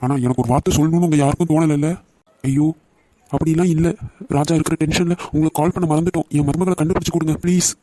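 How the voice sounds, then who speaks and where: A man voicing a hot-headed, loyal young man in an animated story, talking fast and emphatically. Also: on the high side, a little hiss or hum, natural voice. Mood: anxious.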